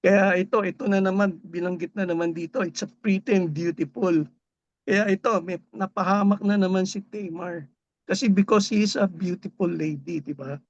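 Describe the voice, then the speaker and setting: High, gravelly man in a dull call. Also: steady tone, moderate pace. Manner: mixes Tagalog with English, repeats and restarts. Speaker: Bible study group member. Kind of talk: casual Bible discussion.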